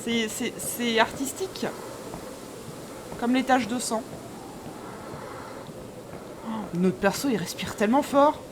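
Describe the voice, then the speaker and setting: Jumpy, high-voiced woman streaming horror games. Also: slow, long pauses, background noise. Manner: jumpy, easily startled scared reactions; informal, joking, swearing. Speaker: video game streamer. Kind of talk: live horror game commentary to viewers.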